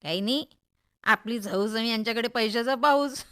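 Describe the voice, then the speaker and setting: An actress plays a middle-aged, middle-class mother in a radio monologue. Her voice sits fairly high, with a Maharashtrian accent and an expressive, wry, gossipy way of confiding in the listener. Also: moderate pace, natural voice. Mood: wry complaining.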